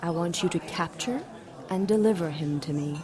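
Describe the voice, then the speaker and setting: An actress playing Lilith, an ancient and cruel female demon, in an audio drama, speaking haughtily with slow mockery. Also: fairly low pitch, warm tone, close to an everyday voice. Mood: commanding.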